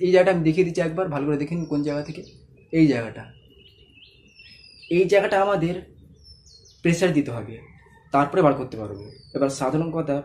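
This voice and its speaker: Man, teacher, slightly high voice, repeats sounds patiently, faint hiss behind. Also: darkish tone. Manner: patient, repeats sounds slowly and drills them. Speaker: Quran reading teacher. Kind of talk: step-by-step pronunciation lesson.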